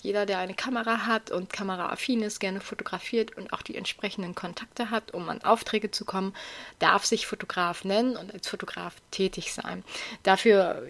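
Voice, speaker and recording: A young adult woman hosts a solo podcast, chatting casually in a hoarse, raspy voice with self-deprecating asides. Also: medium pitch. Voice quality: raspy, grating voice. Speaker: podcast host.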